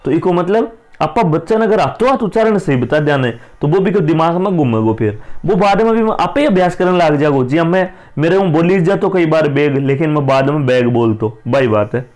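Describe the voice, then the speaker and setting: A man's voice: a little high, animated, a little fast, a little mellow. A man teacher with a Rajasthani accent, going through exam questions in a casual, chatty way. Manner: casual, chatty, mixes dialect with Hindi. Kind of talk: exam-prep lesson, explaining answers.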